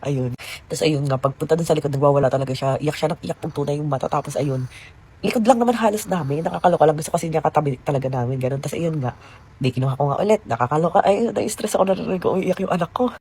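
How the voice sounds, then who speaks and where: A woman's voice: low-pitched, rapid-fire, mellow, breathy edge. A young woman vlogging from a hotel room, telling a rambling, chatty story with lots of fillers. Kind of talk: casual storytelling vlog.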